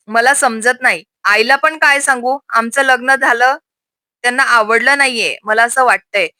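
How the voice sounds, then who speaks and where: A woman's voice: a little high, sharp tone, dry recording. A woman voicing a nervous young married woman who speaks hesitantly about trouble at home.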